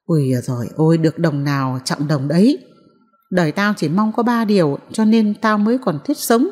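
A stubborn, grieving old grandmother, voiced by a woman, speaking low and wearily in a storybook reading. Her tone is scolding but tender. A long reverb trails each line. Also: normal speed, darkish tone, close to an everyday voice. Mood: weary, stubborn.

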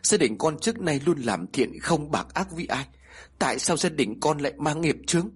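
A man voicing an anxious, grieving grandmother who speaks softly and pleadingly, with a husky tone. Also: a little high, animated, moderate pace.

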